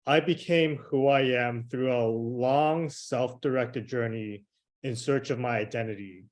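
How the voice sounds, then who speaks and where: Over a video call webcam, a young man from Hong Kong who grew up in Miami gives a prepared speech as a club member. His medium-pitched delivery is slow and measured, with pauses, and he's in a room at home with shelves.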